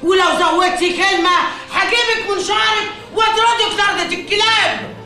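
A biting wife in a TV drama, high, bright and quick with threats. An echoey set and faint score sit behind her. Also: steady tone, soft background music, full character voice. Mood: angry. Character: sharp-tongued Upper Egyptian wife defending herself. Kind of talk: TV drama acting.

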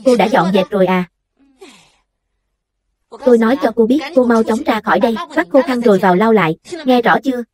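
A woman's voice: fairly high pitch, a little fast, long pauses, darkish tone, natural voice. A woman voicing a harsh, contemptuous woman salon owner who scolds and belittles her new worker, read in a voice-over dub. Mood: scolding.

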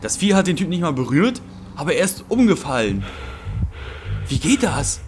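Excitable man swearing through a game. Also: a little high, moderate pace, background noise. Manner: excitable, swearing, talks to enemies. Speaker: let's play gamer. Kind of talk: game commentary. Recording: commentary over loud game sound.

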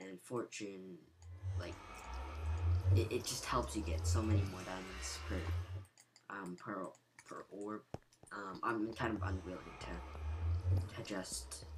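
A man with a gravelly, just-woken-up voice thinks aloud while he builds, explaining each step. His speech sits fairly low. A home desktop mic picks up a steady hiss and clicking. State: raspy morning voice, just woke up. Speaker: gaming channel host. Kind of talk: gameplay walkthrough commentary.

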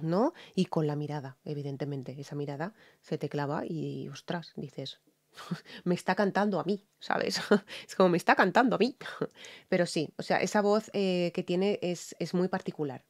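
A woman's voice: sits low, a little slow, darkish tone. Chatty Spanish woman breaking down vocals. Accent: Spain Spanish. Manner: chatty, explains vocal technique with many fillers. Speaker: singer reacting to and analysing a song. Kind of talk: casual reaction commentary.

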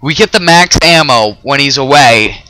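A man's voice: medium pitch, animated, normal speed, sharp tone, smooth, no echo, soft background music, low-quality recording. Rambling young gamer guy. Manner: rambling, full of fillers and swearing. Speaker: host of a gaming channel. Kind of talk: casual let's-play commentary.

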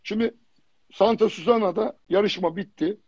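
A man's voice: high voice, moderate pace, crowd noise. A man who grew up in Germany, a fitness jury member, chatting casually as a livestream guest, telling stories animatedly with blunt slang and lots of repetition. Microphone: phone or computer on a live video stream. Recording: dull lo-fi livestream audio.

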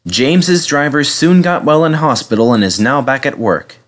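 A man narrating a children's storybook aloud in a lively, expressive way. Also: mid-range voice, normal speed. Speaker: reader.

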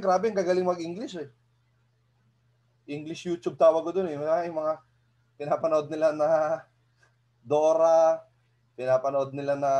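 Male motivational speaker, somewhat high pitch, animated and chatty with the crowd, chuckles often. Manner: lively, asks the audience rhetorical questions. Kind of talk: seminar talk to an audience.

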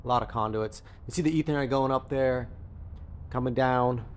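A mid-range male voice at normal speed, with a little hiss or hum, narrates an unscripted tour of a crypto mining farm. The operator holds the camera or phone himself, explaining matter-of-factly and casually as he moves around the concrete floor of a large indoor warehouse.

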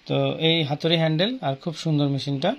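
A brisk, higher-voiced Bangladeshi man sells fishing tackle and gives customers an informal showcase of his products. He's in a small indoor tackle shop, recorded on a handheld phone held near him, and the recording is noisy.

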